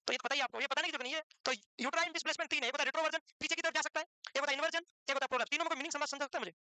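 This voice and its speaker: A man's voice: very high voice, steady tone, racing, sharp tone, a little hiss or hum. A man lecturing a nursing class live, teasing students and firing questions at them.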